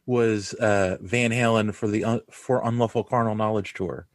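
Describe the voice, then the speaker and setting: This podcast host, a man in his forties, chats casually over a video call, wandering off topic and laughing a lot. He has a lowish, fairly even voice at a normal speed, recorded at studio quality without echo.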